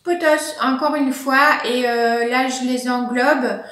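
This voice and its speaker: A woman's voice: high-pitched, steady tone, takes it slowly, a bit bright. Chatty woman vlogger in an echoey room. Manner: chatty, many fillers and laughs. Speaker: plant vlogger. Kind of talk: casual chat to camera. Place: at home.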